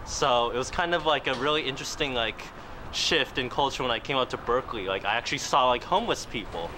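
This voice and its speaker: A man's voice: mid-range voice, fast talker. A male student from Southern California talking casually and wryly in an outdoor street interview. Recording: clear street noise behind.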